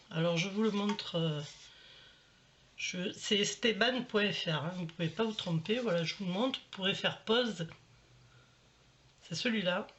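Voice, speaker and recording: A middle-aged woman talks through a shopping haul in a loose, rambling way, leaning on fillers and little pauses. Her voice sits at an ordinary middle pitch. The home recording is a little dull, with a faint hiss behind her. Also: a bit bright. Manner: rambling and chatty, full of "euh" and "voilà" fillers. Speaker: vlogger showing a shopping haul. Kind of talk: casual haul chat to camera.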